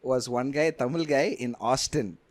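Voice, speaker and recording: A man's voice: mid-range voice, moderate pace. A young man from India, a guest comedian chatting casually on a podcast and laughing often.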